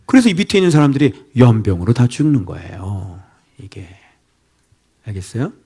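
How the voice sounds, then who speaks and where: A middle-aged pastor's sing-song, medium-pitched voice, creaky with a breathy edge, moves at a moderate pace through an expository sermon. One moment he's scolding loudly, the next he's nearly whispering, and all along he fires rhetorical questions at the congregation.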